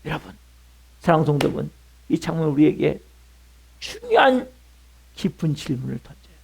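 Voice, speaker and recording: Middle-aged male pastor, high voice, wide swings in pitch, emphatic sermon delivery that drops to hushed lines. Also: very animated, a little fast, gravelly, slightly rough. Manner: emphatic preaching with rhetorical questions, sudden drops to a hush.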